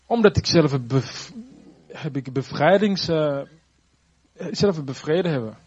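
A man with a husky, slightly breathy voice tells a personal faith testimony in an earnest, reflective way. He speaks haltingly, restarting sentences as he searches for words. The recording sounds dull and muffled. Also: fairly high pitch, lively intonation, darkish tone. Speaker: churchgoer giving a testimony.

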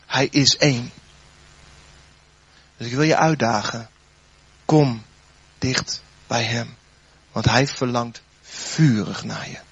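Fervent preacher man, husky dull recording. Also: mid-range voice, takes it slowly, long pauses. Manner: fervent, swells loud then drops soft. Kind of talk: sermon and spoken prayer.

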